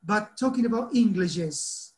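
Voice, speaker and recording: An Argentinian man whose first language is Spanish teaches over a video call, hosting an online meeting as a teacher trainer. His voice is high and a little slow, and he is earnest and animated in this casual talk, asking the group questions.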